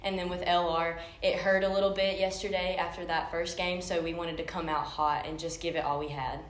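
Flat, low-voiced young woman player. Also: fairly quick. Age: young adult. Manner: casual, upbeat, says like. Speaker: college softball player. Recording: echoey room, faint noise.

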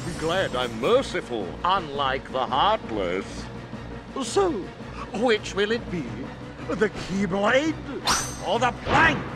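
An actor playing a pompous, theatrical pirate captain villain in a game cutscene, blustering and then panicky. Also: male voice, high-pitched, big pitch swings, slow, loud music behind the voice, exaggerated voice. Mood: menacing.

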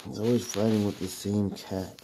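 Low-voiced man eating and chatting. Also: moderate pace, background noise. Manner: rambling, relaxed, talks to pets and viewers between bites. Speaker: vlogger. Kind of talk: casual mukbang vlog. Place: home, indoors.

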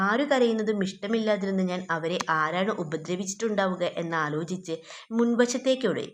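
A woman teacher reading a textbook story aloud and explaining it to students, often asking them questions. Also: medium pitch. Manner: addresses students directly with questions.

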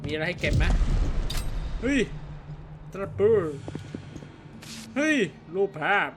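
A man's voice: high-pitched, sing-song, takes it slowly, background noise. A man giving crude, jokey commentary while playing a horror game. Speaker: gaming channel host. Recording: loud game music under voice.

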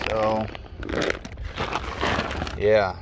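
A man's voice: fairly low pitch, extremely slow, heavy background noise. An American man who runs a retro game store, talking casually to camera while out shopping, with crude, joking banter. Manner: relaxed, crude, boastful joking. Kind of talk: casual vlog narration. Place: store, parking lot and supermarket.

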